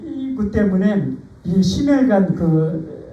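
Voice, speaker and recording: A middle-aged male pastor preaching a sermon, telling his own story in a conversational, animated way. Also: sits high, slow, lo-fi sound. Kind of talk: sermon with personal testimony. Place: church sanctuary. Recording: echoey church hall, mic at a distance.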